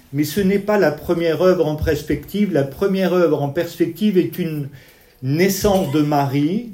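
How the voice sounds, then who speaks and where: Speaking in a slightly high voice with a dark tone, this art history lecturer, whose family is Italian, explains paintings step by step at an evening talk. He points out details as he goes and gestures with his hands.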